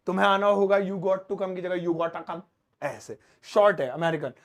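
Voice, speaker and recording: A man teaching an English lesson in a casual, chatty way, stretching words out slowly as he writes them on the board. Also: high-pitched. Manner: lively, stretches words slowly when writing; talks to an off-screen helper.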